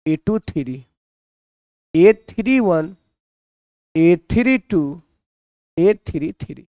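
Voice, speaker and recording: A man's voice: high-pitched, warm tone, clean tone, no echo, clean studio sound. Man teaching maths. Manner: repeats questions to students and answers them himself. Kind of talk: blackboard maths lesson.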